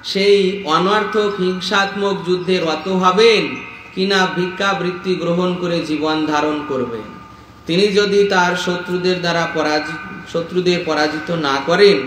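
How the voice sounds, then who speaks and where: A man's voice: sits high, noisy background. A man teaching a scripture class, explaining patiently, repeating key points and checking that his listeners understand. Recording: echoey room with faint ambience.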